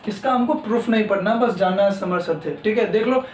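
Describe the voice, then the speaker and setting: A man's voice: sits high, fairly quick, darkish tone, roomy sound, far from the mic, a little hiss or hum, low-quality recording. A male teacher giving an exam-prep lecture, talking straight to his students and repeating key terms as he writes on the board. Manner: talks to students directly, repeats key terms while writing.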